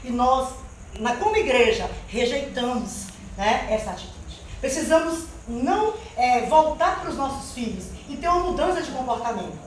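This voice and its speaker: Recorded from a distance in a very echoey church hall, a high-voiced woman shares her testimony with the congregation. She speaks earnestly, often addressing the Lord and the brethren, and there is slight background noise.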